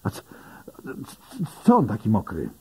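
A man reading an audiobook, voicing a gruff, suspicious male policeman who asks loud, blustering questions. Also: fairly low pitch, huge pitch swings, measured pace, exaggerated voice.

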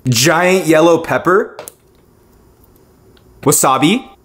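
A young man announcing food-challenge items one by one in clipped, deadpan short phrases. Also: a little high, extremely slow. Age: young adult.

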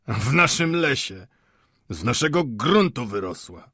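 A man's voice: mid-range voice, big pitch swings, measured pace, bright, forceful tone, slightly rough, no echo, studio quality, voice pushed up, heavily acted. A man voicing a fat, complacent male watchmaker who speaks offhandedly and smugly. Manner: offhand and smug, laughing off objections.

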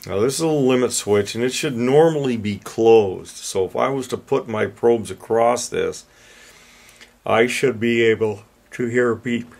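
An older HVAC repair instructor at a workshop bench explains a hands-on meter demonstration in a plain, folksy, unhurried manner. His voice is medium-pitched, creaky, and somewhat dark in tone.

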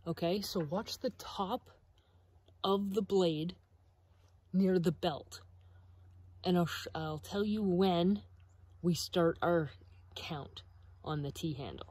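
A woman's voice: fairly low pitch, a little mellow, breathy edge. A middle-aged woman outdoors beside a sawmill, explaining maintenance steps in a practical, encouraging way, recorded on a camera mic. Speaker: sawmill owner demonstrating maintenance. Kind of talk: hands-on instructional video.

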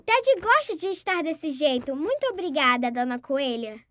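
A woman's voice: high voice, sing-song, normal speed, fairly bright tone, faint music behind. A woman voicing an assertive, affectionate little girl piglet in a cartoon dub, childlike and matter-of-fact. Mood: firm.

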